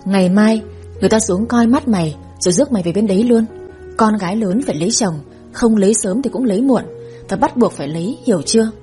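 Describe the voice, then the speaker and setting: A woman's voice: mid-range voice, fast, warm tone, soft background music, natural voice. A woman voicing a stern, middle-aged rural mother who scolds and insists on getting her way.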